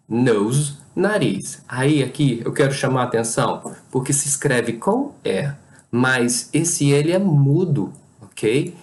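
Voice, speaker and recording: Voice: mid-range voice, a little mellow. An English teacher with a Brazilian Portuguese accent gives a pronunciation lesson, patiently repeating each word and over-articulating its sounds.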